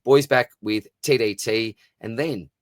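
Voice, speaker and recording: A man's voice: medium pitch, measured pace, dry recording, studio quality. A man hosting a casual solo fantasy sport Q&A, talking in a chatty, matey, informal way with plenty of slang. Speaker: host of a fantasy sport Q&A show. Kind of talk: casual solo mailbag commentary, reading out questions and answering.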